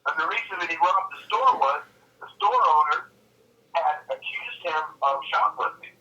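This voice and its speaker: Off-mic man, halting explainer. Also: a little high, bright, forceful tone, distant mic. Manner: halting, many restarts and repeated words. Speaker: cannabis activist discussing a court case. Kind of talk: casual chat. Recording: dull lo-fi sound from off-mic.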